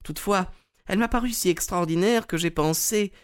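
A woman's voice: fairly low pitch, a little fast, clean tone, no echo, studio quality, lightly acted. A woman voicing an earnest, troubled widow telling her story in an audio drama.

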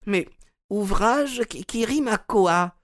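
A woman's voice: medium pitch, lively intonation, slow, dry recording, clean studio sound. A woman reading a worried widow. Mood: earnest. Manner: plain, earnest storytelling. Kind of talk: audiobook drama reading.

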